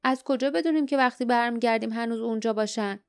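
A woman's voice: fairly high pitch, darkish tone, clear, resonant tone, no room sound, clean studio sound, natural voice. A woman doing a growling pirate man. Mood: angry. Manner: growling, quarrelsome. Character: rough angry male pirate.

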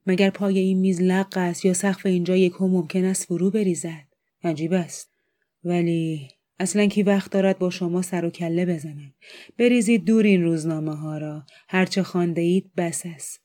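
A woman voicing a rude drunken masked man who mocks and orders people about in a loud, scornful way, in an audiobook reading. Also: lowish voice, steady tone, close to an everyday voice.

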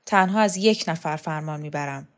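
A woman reader voicing a blunt, stubborn man with a hoarse voice, fiercely loyal to his leader. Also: deep voice, lightly acted. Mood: defiant. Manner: blunt, defiant.

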